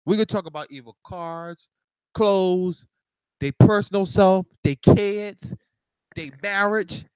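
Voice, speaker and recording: Show host, male, high bouncy voice, animated rant, close dry mic. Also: slow pace, clear, resonant tone, dry recording, poor audio. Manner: animated ranting with laughs and repeated restarts. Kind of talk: live talk show monologue.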